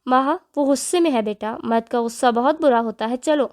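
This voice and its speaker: A woman reading the part of a patient middle-aged mother-in-law in an audio novel, calm and coaxing. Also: high-pitched, lightly acted.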